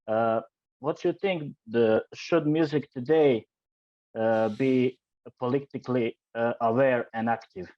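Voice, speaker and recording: A man from Montenegro hosting an interview in English, a non-native speaker asking questions slowly with many hesitations. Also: medium pitch, no room sound. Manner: slow, hesitant, with many uhs. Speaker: podcast host. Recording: dull lo-fi sound.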